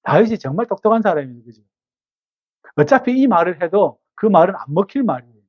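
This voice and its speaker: High-voiced male pastor preaching. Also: very animated, fast, no echo, lo-fi sound. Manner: conversational, asks the congregation rhetorical questions. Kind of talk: sermon. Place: church at an evening service.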